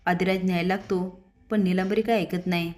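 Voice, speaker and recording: A woman's voice: on the low side, steady tone, a little fast, a little mellow. A woman retelling a TV serial episode, reading every character's lines in her own plain voice. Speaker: serial recap narrator.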